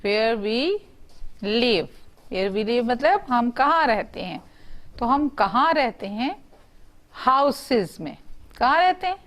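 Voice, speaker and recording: Slow patient woman teacher. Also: a little high, lively intonation, fairly bright tone. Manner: slow, spells words letter by letter, asks questions to students. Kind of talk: online class lesson.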